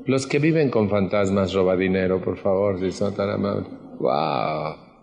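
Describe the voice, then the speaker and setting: A man's voice: deep voice, moderate pace, gravelly, darkish tone, in a large hall, faint music behind. A middle-aged Mexican man with a Mexican Spanish accent gives an earnest personal testimony at a support group meeting, often putting questions to the audience.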